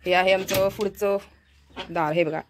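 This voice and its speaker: A woman's voice: medium pitch, fairly even intonation, measured pace, heavy background noise. A woman vlogging casually, chatting to viewers as she walks around a village home with her phone. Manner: chatty, walks about showing the house. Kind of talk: casual vlog chat.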